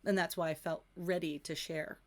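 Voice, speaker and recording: Candid woman talking, slightly low voice. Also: flat delivery, normal speed. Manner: candid, conversational, self-deprecating. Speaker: manifestation teacher. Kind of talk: casual spoken teaching.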